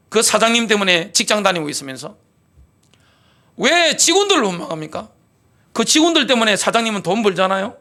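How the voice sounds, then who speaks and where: Male pastor, middle-aged, high lively voice, bright and gravelly, emphatic sermon with rhetorical questions. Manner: repetitive call-and-response delivery.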